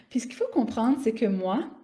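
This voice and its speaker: Her voice sits on the high side, mellow and very animated, though she speaks slowly. A health coach and business owner raised in the Middle East (Saudi Arabia, Dubai) by a Syrian-Canadian family, she hosts a live stream telling personal stories off the cuff. She frequently pauses and repeats small words as she hunts for the next one.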